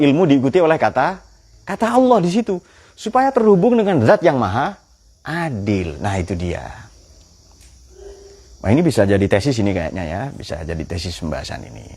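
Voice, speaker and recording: A man's voice: fairly low pitch, darkish tone, breathy edge. A man teaching a Quran study class. He puts questions to his students and tells light anecdotes.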